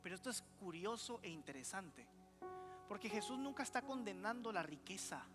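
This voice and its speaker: A man's voice: sits high, normal speed, music in the background. A male pastor preaching a conversational sermon in a church, keeping the congregation engaged with questions. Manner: lively preaching, asks the congregation for replies. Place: church sanctuary.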